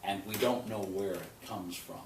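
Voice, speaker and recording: A man who directs an opera company, retelling an opera's plot in an interview with expressive storytelling that slows on key images. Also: sits low. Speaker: opera general and artistic director. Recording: echoey room, distant mic, noisy.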